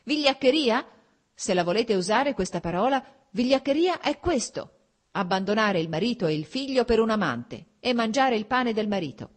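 A woman voicing a cold, stern middle-aged husband whose voice turns shrill with anger, harsh and formal. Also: animated, normal speed, natural voice.

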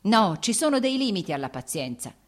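A woman's voice: medium pitch, lively intonation, brisk, a little mellow, close to an everyday voice. A woman reading the lines of a proud young nobleman, clipped and tersely restrained. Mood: exasperated.

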